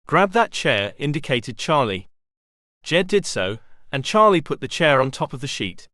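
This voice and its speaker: A man reading an audiobook novel aloud with expressive storytelling. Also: mid-range voice, moderate pace, no echo, clean studio sound. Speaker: audiobook narrator. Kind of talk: scripted narration.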